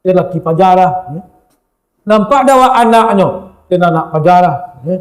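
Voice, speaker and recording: A man with a Minangkabau accent preaching a sermon, speaking straight to the listeners in a lively way. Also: high voice, moderate pace, echoey room. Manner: lively, addresses the audience directly.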